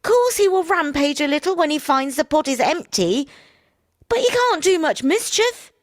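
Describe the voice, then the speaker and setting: Woman doing a shrill scheming wife. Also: big pitch swings, normal speed, no echo, clean studio sound. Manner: sharp, bossy. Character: scornful, scheming peasant wife. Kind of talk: storybook reading.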